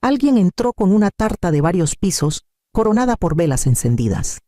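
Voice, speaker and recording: Male storybook narrator with a deep mellow timbre and a lively melody. Scripted and steady. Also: moderate pace, no room sound, clean studio sound.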